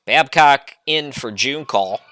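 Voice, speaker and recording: A man calling a basketball game play-by-play, chatty and prone to rambling asides between excited calls. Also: medium pitch, slow, no echo. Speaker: play-by-play announcer.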